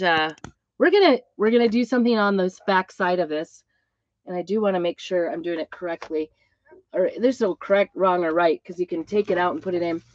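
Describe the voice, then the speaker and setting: A woman's voice: mid-range voice, no echo. A woman who is sick and congested, chatting in a rambling way on her craft livestream from inside a metal trailer that gives her voice a tinny, tin-can sound. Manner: chatty and rambling, drifting between topics. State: sick, congested, with a lingering cough. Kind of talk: casual live-stream chat. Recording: dry, dull, tinny trailer recording.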